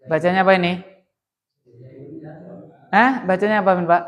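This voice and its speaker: A high-voiced man teaches a grammar class. He keeps firing questions at his students and waits for them to answer together. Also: normal speed. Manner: lively questioning, quizzes the class call-and-response.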